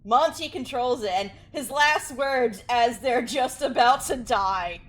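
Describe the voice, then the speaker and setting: A woman giving casual gaming commentary as a streamer, telling things in an animated way. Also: a little high, slow. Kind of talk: casual chat and commentary over gameplay. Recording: clear background noise.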